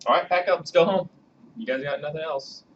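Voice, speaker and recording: A man's voice: a little high, fairly quick, a bit bright. A man in his thirties teaching a programming class in a classroom, chatty and casual, coaxing students to ask questions. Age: 30s. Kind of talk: classroom lecture. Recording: dull, lo-fi classroom recording with faint background hiss.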